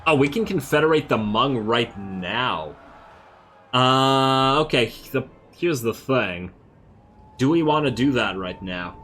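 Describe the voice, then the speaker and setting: A man's voice: mid-range voice, a bit bright, a little hiss or hum. A man giving casual, laid-back strategy game commentary, thinking aloud as he plays. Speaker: gamer, host of a let's play series. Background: game music.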